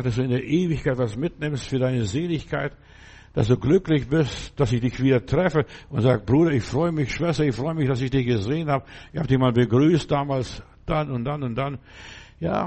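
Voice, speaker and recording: A man's voice: medium pitch, darkish tone, slightly rough. A man preaching a sermon, pressing his listeners with urgent, repeated exhortations.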